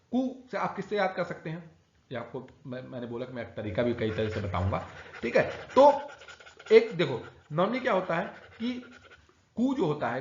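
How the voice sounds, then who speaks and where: Lively, high-voiced man teaching a lecture. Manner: lively, repetitive teaching with rhetorical questions. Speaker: exam-prep teacher. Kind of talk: recorded lecture. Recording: echoey, dull lo-fi room recording.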